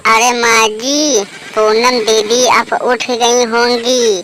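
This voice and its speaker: A woman's voice: on the high side, steady tone, drawn-out words, fairly bright tone, slight background noise, poor audio. A woman playing a put-upon, pleading young daughter-in-law in a homemade comedy skit. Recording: music playing behind.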